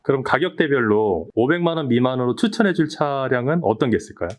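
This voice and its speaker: Animated male interviewer, mid-pitched voice. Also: fast talker. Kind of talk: casual interview questions.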